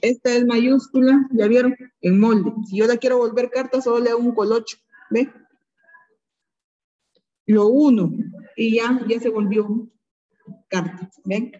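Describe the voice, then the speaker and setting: Slow-dictating woman teacher, lo-fi sound. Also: on the high side, fairly even intonation, warm tone. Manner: dictates word by word, repeating and spelling out accents. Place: classroom.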